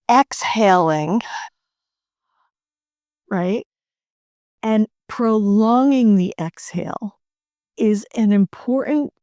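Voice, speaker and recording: A woman's voice: mid-range voice, gravelly, warm tone, dry recording, clean studio sound. A middle-aged woman, a leadership coach, speaking in a soothing way and leading a guest through breathing exercises. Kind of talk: calm guided coaching talk.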